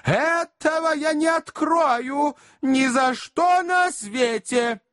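A man's voice: very high-pitched, takes it slowly, fairly bright tone, dry recording, clean studio sound, voice pushed up, full character voice. A man reading aloud and voicing a hesitant, tearful middle-aged lady. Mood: flustered.

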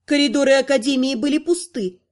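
A woman giving a scripted narration of a fantasy story in an even, expressive reading. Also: sits high, fairly quick.

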